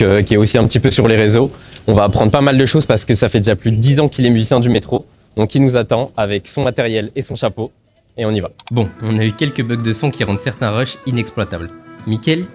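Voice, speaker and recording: Dude narrating his metro vlog, talks fast and chill, busker music playing loud behind. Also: mid-range voice. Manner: chatty, upbeat, easygoing. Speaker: reporter and host. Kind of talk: casual vlog narration and interviewing. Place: Paris metro.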